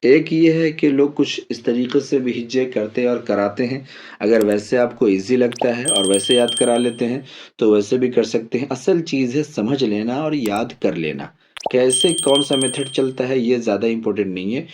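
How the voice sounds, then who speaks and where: A man's voice: medium pitch, background noise. Patient man teaching Quran reading. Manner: patient, spells out letters slowly and repeats drills. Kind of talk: step-by-step Quran lesson.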